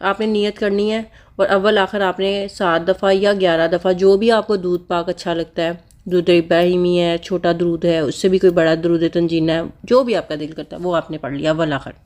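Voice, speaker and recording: A woman's voice: on the low side, steady tone, normal speed, a little mellow. Earnest woman vlogger giving advice. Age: adult with school-age children. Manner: earnest, repetitive, instructive, with frequent restarts. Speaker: vlogger sharing personal religious advice. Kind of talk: casual heartfelt talk to viewers.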